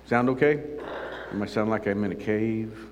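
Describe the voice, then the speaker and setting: A middle-aged male pastor giving a halting sermon, his voice carrying a cave-like echo. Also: lowish voice, slight background noise. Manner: halting, repeats words. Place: church sanctuary. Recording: echoey hall, dull lo-fi sound.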